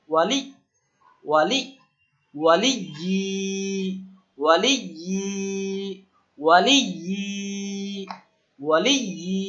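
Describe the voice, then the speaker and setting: A man's voice: high-pitched, sharp tone, highs cut off. A man teaching Quran pronunciation syllable by syllable, asking listeners to repeat after him and praising their answers. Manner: repeats syllables slowly, praises often, stretches Arabic sounds. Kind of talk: call-and-response pronunciation lesson.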